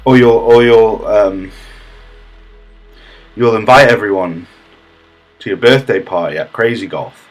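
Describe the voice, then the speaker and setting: A man giving a deadpan parody comedy tutorial, smug and rambling, with halting restarts and a husky voice. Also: fairly low pitch, soft background music.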